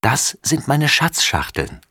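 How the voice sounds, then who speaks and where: A man's voice: mid-range voice, very animated, slow, bright, forceful tone, no echo, studio quality, voice pushed up, full character voice. A man voicing a bossy, impatient big sister. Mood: proud. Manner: impatient, scolding. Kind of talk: storybook reading.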